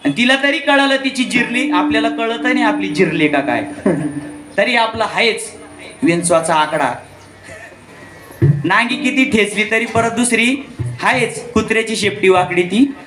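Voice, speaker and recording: A man's voice: high-pitched, a little slow, pauses often, echoey room, over music. A man preaching a devotional kirtan, telling a story and acting out its characters' voices. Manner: acts out characters' voices while telling stories.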